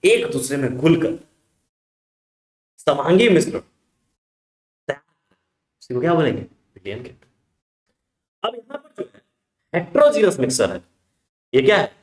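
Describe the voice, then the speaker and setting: A man's voice: a little high, sing-song, measured pace, pauses often, roomy sound. A man teaching a chemistry class, who asks his students questions and answers them himself, calling them affectionate names. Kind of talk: online class lecture.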